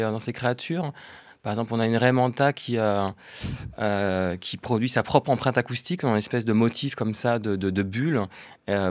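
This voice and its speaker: A man's voice: medium pitch, no echo. A man in his fifties from Brittany, answering radio interview questions hesitantly, with many fillers and repeated words. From Brittany, France. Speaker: guest artist.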